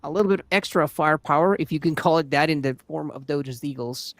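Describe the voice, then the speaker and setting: Higher-pitched male esports caster. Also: quick pace, a bit bright, no room sound. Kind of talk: live esports commentary.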